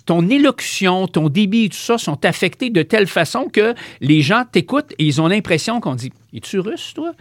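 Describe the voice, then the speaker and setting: A man with a Quebec French accent and a high voice co-hosts a talk show, explaining a science topic in a casual, rambling way. He speaks briskly with few pauses, lively and full of fillers and restarts, in a dry, studio-quality recording.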